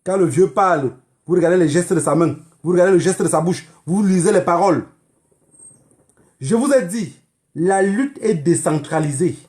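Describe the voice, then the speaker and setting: Here an online activist livestreamer with a Cameroonian accent lectures his audience on politics in a monologue, pressing his points with repetition and rhetorical questions in an admonishing tone. The voice is high, at normal speed, slightly mellow.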